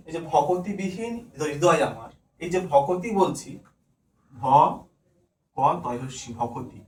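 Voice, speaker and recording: A man with a Bengali accent giving a demonstration lesson, asking questions and answering them himself. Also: a little high. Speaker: teacher candidate giving a demo lesson. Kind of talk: classroom teaching demonstration. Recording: echoey room, far mic, faint noise.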